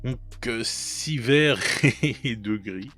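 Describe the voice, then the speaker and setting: A man's voice: mid-range voice, drawn-out words, fairly bright tone, faint music behind. A man casually reviewing paint colors, chatty and hesitant, with many fillers and restarts and self-mocking laughs at his own mistakes. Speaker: miniature painting youtuber.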